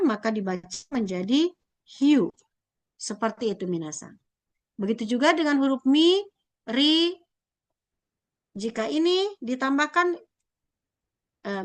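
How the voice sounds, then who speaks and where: A young woman with a high voice explains a language lesson at an unhurried pace. She repeats each sound patiently and keeps checking that her students are following along. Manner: slow, repetitive, checks understanding often. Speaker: Japanese language teacher. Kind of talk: recorded classroom lesson.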